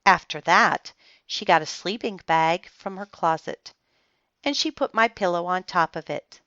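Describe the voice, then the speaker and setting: A woman reading a children's book aloud in an expressive storytelling manner, on a slightly muffled dry recording. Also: fairly low pitch, unhurried, dry recording. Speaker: storybook reader.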